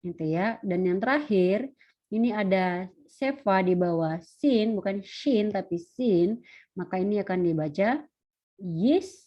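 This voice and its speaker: A woman lecturer teaches an online lesson in a patient, step-by-step way, slowing down to sound out each word. Her voice sits in a middle pitch. The audio is dull and lo-fi. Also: expressive, mellow. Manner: patient, explains step by step, slows to sound out words.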